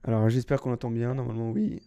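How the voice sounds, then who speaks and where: A man's voice: mid-range voice, level tone, fast talker, gravelly, dark tone, clear, resonant tone, highs cut off. A man streaming a casual live reaction, rambling and slangy, often restarting his sentences.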